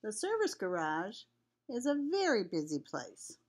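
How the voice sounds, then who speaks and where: A woman's voice: mid-range voice, huge pitch swings, a little slow. An older woman, a sweet grandmother with a cold, reading a children's picture book aloud in a homely, chatty way. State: has a cold with cough.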